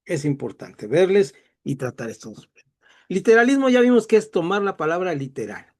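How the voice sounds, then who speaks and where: Gravelly Mexican man teaching a class. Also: high-pitched, sing-song, brisk. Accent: Mexican Spanish. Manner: digressive, chatty, self-deprecating asides. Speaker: Bible teacher. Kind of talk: classroom lecture.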